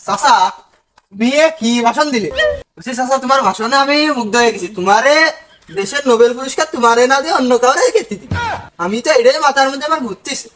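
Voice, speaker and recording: A man's voice: extremely high pitch, quick pace, a bit bright, a little hiss or hum. Whiny mock-offended man in a village skit. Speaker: comedian in village sketch. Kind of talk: scripted village comedy skit.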